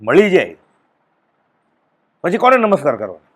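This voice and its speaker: A man giving a devotional discourse, telling a story and acting out its dialogue with sudden loud exclamations. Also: fairly high pitch, wildly swooping pitch, normal speed. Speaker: spiritual discourse speaker.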